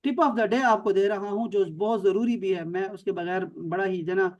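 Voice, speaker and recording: A man's voice: high voice, fairly even intonation, darkish tone, muffled recording. A man from Pakistan teaching Arabic in an online class, explaining patiently, repeating words and checking that his students follow.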